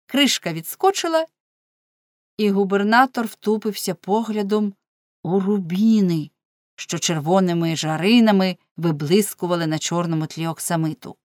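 A woman narrating an audiobook in a measured, expressive reading style. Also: medium pitch, no echo, studio quality.

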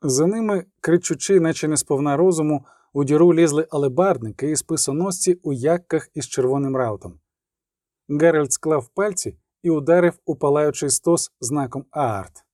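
A man narrating a fantasy battle audiobook in a steady, measured storytelling voice. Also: a little high, dry recording, clean studio sound.

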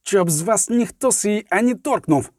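A stubborn escort guard growls in a raised, gruff voice, voiced by a male narrator. The reading is dry and close. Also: sits high, big pitch swings, a little fast, a little mellow, dry recording, pitched above the performer's own voice. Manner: growling, defensive.

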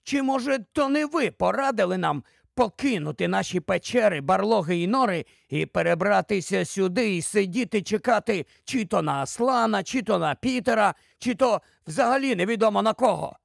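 A man voicing a bitter, angry male dwarf who shouts and sneers, in an audiobook. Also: high voice, expressive, normal speed, vocal fry, hardly any pauses, no echo, studio quality, pitched above the performer's own voice, exaggerated voice. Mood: angry, sneering.

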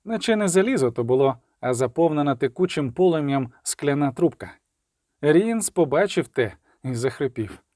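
Guy reading an audiobook, steady and even, kinda high voice. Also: moderate pace, no echo, studio quality. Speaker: audiobook narrator. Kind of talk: scripted audiobook narration.

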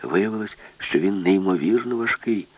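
A man narrating a children's science-fiction story in an expressive storytelling manner. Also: fairly low pitch, normal speed, no room sound, highs cut off. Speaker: audiobook narrator.

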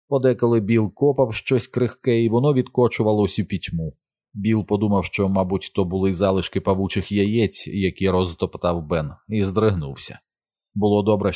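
Man narrator, low voice, dry close sound, steady measured reading. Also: no room sound. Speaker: audiobook narrator. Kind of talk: scripted narration.

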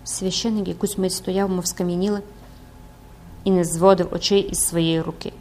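A woman narrating a classic novel as an audiobook in an expressive, dramatic way. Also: on the low side, normal speed, a little hiss or hum. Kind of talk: scripted narration.

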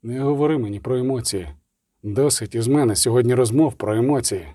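A man voicing a grim adult male witcher who speaks in short, clipped commands, lower than his own voice. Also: fairly quick, mellow, no room sound, studio quality, close to an everyday voice. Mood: curt.

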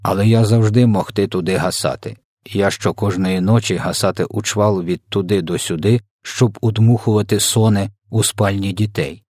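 BFG, a gentle giant, as a man puts him on. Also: on the low side, steady tone, dry recording, clean studio sound, close to an everyday voice. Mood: good-natured. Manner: slow, muddled, garbled speech. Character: kindly huge old male giant, mangles words. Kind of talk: storybook character voice.

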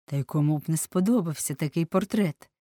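A woman reading aloud voices an ironic, cynical aristocrat who talks in a dry, mocking, unhurried way. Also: deep voice, mellow, no room sound. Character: suave ironic aristocratic man, amused and cynical.

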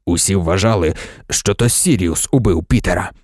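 A man voicing a calm, earnest middle-aged male teacher who speaks low and steady. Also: moderate pace, no echo, studio quality.

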